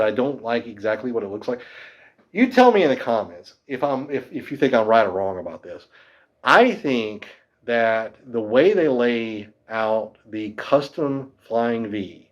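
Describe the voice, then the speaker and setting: In a muffled recording, a fifty-something guitar teacher with a medium-pitched voice talks to camera about guitars. He's chatty and prone to wandering off topic, often making light of himself.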